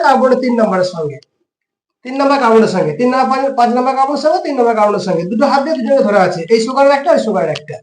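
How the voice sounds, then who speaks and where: High-voiced Bengali teacher in an echoey room. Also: female voice. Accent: Bengali, West Bengal. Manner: explains step by step, asks questions and answers them herself. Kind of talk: classroom science lesson.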